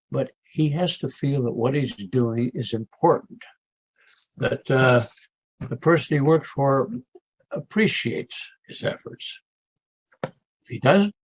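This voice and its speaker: A husky voice, a man acting a crusty town doctor in a western radio play. He is American and speaks his mind in a wry, needling, emphatic way. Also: medium pitch, full character voice, poor audio.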